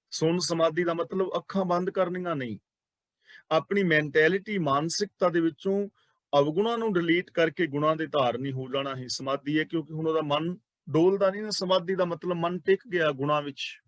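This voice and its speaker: A man teaching a religious class, explaining sacred terms slowly and speaking directly to his listeners, often repeating key words. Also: on the high side, no echo. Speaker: Sikh scripture teacher.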